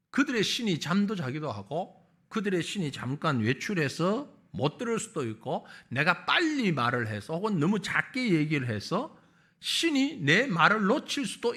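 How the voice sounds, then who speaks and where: A man's voice: high voice, bright, forceful tone. A man preaching a sermon as pastor, with rhetorical questions to the congregation.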